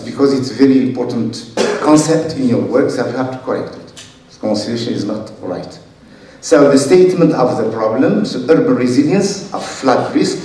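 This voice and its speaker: A man examining a thesis, reading parts of it aloud in a measured, formal way with pauses. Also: mid-range voice, dark tone. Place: university lecture hall. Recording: echoey hall, voice from far off.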